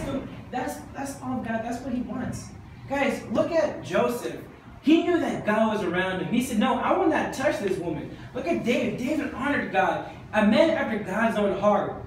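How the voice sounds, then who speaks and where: A man with a high voice preaches a sermon, driving his points home by repeating them again and again. He sounds distant from the microphone in a very echoey church hall, with faint background noise. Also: lively intonation, moderate pace. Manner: impassioned, repetitive exhortation.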